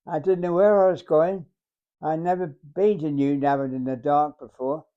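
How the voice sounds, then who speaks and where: A hundred-year-old man, a war veteran telling his memories in a halting, deliberate way. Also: a little high, steady tone, smooth, muffled recording. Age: 100. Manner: halting, deliberate, acts out remembered dialogue. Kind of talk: unscripted reminiscence, storytelling.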